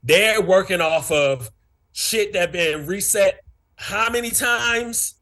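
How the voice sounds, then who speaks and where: A man speaking in a fairly high register for a man, but taking his time. He unspools his thoughts slowly, with plenty of "you know" and "um" between ideas. It sounds like casual livestream talk-show chat. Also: bright, forceful tone. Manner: reflective, drawn-out delivery with many fillers.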